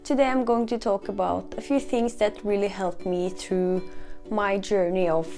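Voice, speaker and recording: A woman's voice: mid-range voice, steady tone, moderate pace, mellow, soft background music. A young woman from Norway talking reflectively in a casual vlog, often saying "you know". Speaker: vlogger.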